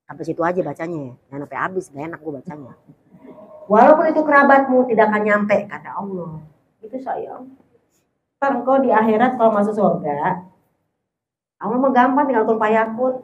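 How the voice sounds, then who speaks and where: In a mosque hall, a woman preacher gives an informal religious study talk, chatty and affectionate, calling her listeners "sayang." Her medium-pitched voice has lively intonation and runs a little fast with frequent pauses. The hall recording is echoey and dull, with a little hiss or hum.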